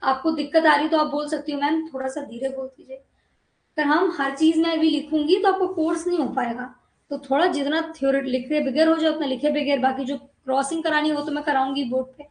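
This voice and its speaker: Woman teaching bio class, keeps asking did you get it, high voice, roomy sound. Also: fairly even intonation, brisk, darkish tone. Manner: coaxing, repeatedly checks understanding. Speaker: biology teacher. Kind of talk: classroom lecture.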